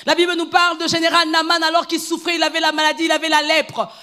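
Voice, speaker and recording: A woman preacher giving a fervent sermon in church, moving between low, hushed stretches and loud, repeated calls to her congregation. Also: completely flat delivery, quick pace. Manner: fervent, repetitive, shouting exhortations.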